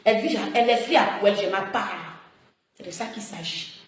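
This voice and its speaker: A woman's voice: medium pitch, fairly quick. A woman with an Ivorian French accent ranting on a live stream, taunting and confrontational, sometimes mocking in a sing-song voice, recorded on a phone. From Côte d'Ivoire. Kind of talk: heated live-stream rant. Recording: very echoey room sound.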